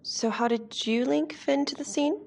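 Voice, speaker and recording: An actress playing a calm, formal district attorney who asks probing questions in a game. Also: female voice, high-pitched, moderate pace, gravelly. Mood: measured. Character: composed female district attorney. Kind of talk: game voice acting.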